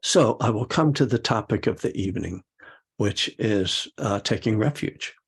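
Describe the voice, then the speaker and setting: A man's voice: on the low side, moderate pace, vocal fry, slightly rough. An older man and meditation teacher gives a rambling, casual dharma talk, chuckling often and full of fillers.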